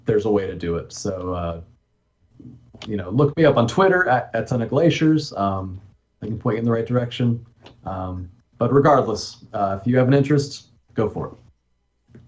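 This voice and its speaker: A man answering interview questions as a game developer, talking in a relaxed, rambling way with many ums and asides. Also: lowish voice. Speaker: guest, NES homebrew game developer.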